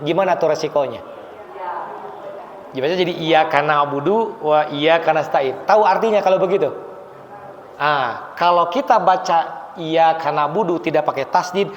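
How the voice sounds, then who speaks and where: A man teaching a mosque class on funeral rites, patiently explaining to the audience and reciting Arabic phrases slowly. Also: fairly high pitch, slight background noise. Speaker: religious teacher. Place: mosque hall. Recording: echoey hall, dull lo-fi sound.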